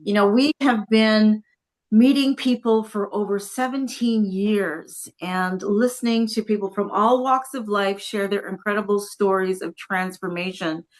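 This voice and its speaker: A woman's voice: medium pitch, steady tone, measured pace. A woman hosting an interview talk show, welcoming and praising her guest with enthusiasm.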